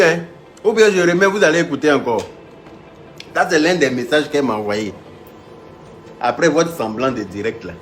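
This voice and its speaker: A man's voice: high-pitched, fairly bright tone, a little hiss or hum. A man hosting a live stream, mocking a rival and calling on viewers, stammering through restarts.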